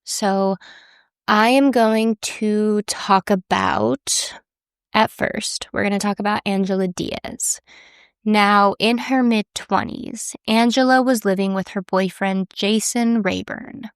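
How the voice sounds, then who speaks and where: A woman's voice: medium pitch, steady tone, takes it slowly, clear, resonant tone, dry recording, clean studio sound. A woman hosting a true crime podcast, talking casually with fillers and restarts, her voice congested from a cold. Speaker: podcast host.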